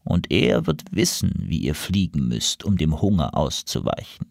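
Man reads as old female crow seer, hushed and doom-laden, husky low whisper. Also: very animated, no room sound, clean studio sound, exaggerated voice. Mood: ominous. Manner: slow, hushed, ominous whispering.

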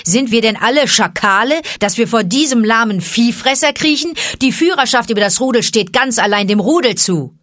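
A woman's voice: on the low side, big pitch swings, unhurried, husky, no echo, clean studio sound, heavily acted. Mowgli, a woman doing a defiant wolf-boy. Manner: crying out defiantly. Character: bold defiant boy raised by wolves.

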